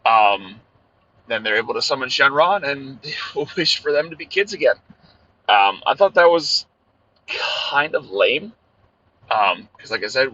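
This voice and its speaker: A man talks loosely and rambles, with plenty of fillers. His voice is bright and forceful, but it comes through with a tinny, tin-can sound. The dull, lo-fi audio was recorded in a car while he drives. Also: medium pitch. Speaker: anime reviewer. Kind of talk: rambling casual episode review.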